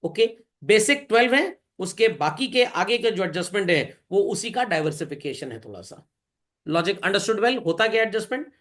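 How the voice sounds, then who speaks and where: A man's voice: sits high, big pitch swings, moderate pace, fairly bright tone. A man teaching accounts to a class, asking questions and answering them himself as he explains. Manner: questions students and answers himself, mixing Hindi and English; calls listeners bhai and children. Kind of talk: classroom lecture.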